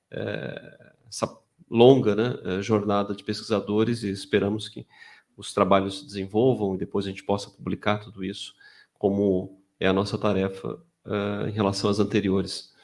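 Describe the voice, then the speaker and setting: A man's voice: lowish voice, gravelly. A man moderating a conference and making closing remarks.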